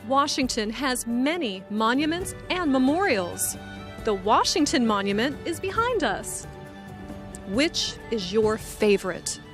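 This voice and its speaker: A woman playing a cheerful news reporter who interviews tourists outdoors, speaking clearly and slowly for an English lesson. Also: a little high, big pitch swings. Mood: upbeat. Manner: clear, upbeat, slow teaching delivery. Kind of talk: scripted English lesson dialogue. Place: outdoors in a city. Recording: music bed under the voice.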